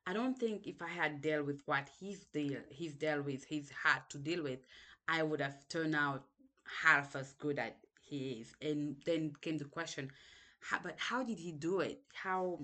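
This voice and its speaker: A woman's voice: deep voice, unhurried, sharp tone. A young woman from Cameroon with a Cameroonian accent, reflecting on her past in a hesitant monologue full of restarts and ums. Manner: hesitant, restarts sentences often, many ums. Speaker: podcast host.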